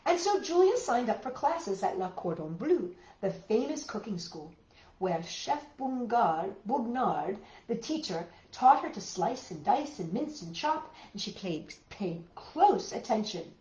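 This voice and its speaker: Reading aloud expressively to children, this woman uses a warm, mid-range voice that is very animated yet unhurried. She adds dramatic emphasis and chats to her listeners between lines, in an echoey, roomy space.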